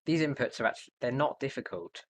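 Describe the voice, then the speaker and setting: A young man talks through his build on a live stream, half to himself, full of pauses and fillers. His voice sits at an ordinary middle pitch, and a faint hiss runs under the recording. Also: animated. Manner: hesitant, muttering to himself with fillers. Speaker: livestreamer. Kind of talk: live gameplay commentary, thinking aloud.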